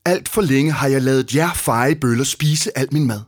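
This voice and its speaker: A man voicing a calm, resolute queen in a storybook reading, speaking firmly. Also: medium pitch, natural voice. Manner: calm and firm.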